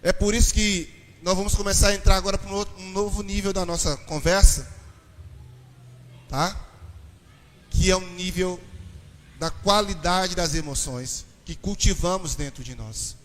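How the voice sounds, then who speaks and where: A Brazilian man, a pastor, giving a lively church talk on marriage and questioning his audience. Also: high-pitched, moderate pace, pauses often. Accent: Brazilian Portuguese. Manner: animated, addresses the audience with questions. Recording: reverberant hall, distant mic.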